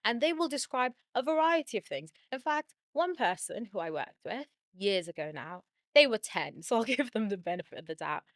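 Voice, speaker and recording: A woman's voice: on the high side, big pitch swings, no echo. Chatty woman therapist, very dry sound. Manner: chatty, quick, laughs often, uses like a lot. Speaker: therapist and channel host. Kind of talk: casual talk to camera.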